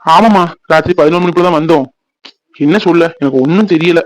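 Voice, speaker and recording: A man's voice: fairly high pitch, no room sound, close to an everyday voice, rough recording. A man voicing a grieving old father-in-law. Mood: sorrowful. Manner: sorrowful, slow, comforting. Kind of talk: cartoon voice acting.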